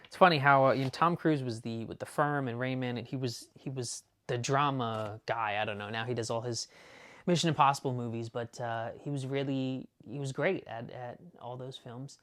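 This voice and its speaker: A man's voice: medium pitch, steady tone, fairly bright tone. Male collector host, casual unboxing chat, rambling and enthusiastic, heavy on fillers. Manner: talks fast at times. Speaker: movie collector showing his discs.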